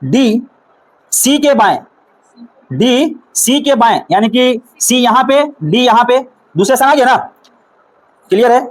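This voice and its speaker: In a poorly recorded classroom reasoning lesson, a man with a Bihari Hindi accent teaches in an extremely high, expressive voice, speaking a little slowly and pausing often. He patiently coaxes the room, asking questions and repeating the puzzle step by step.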